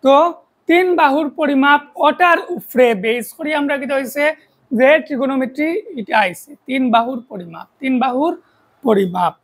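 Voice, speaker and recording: High husky Sylheti woman teaching math. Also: normal speed, low-quality recording. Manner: explains step by step, keeps checking with rhetorical questions. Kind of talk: online video lesson.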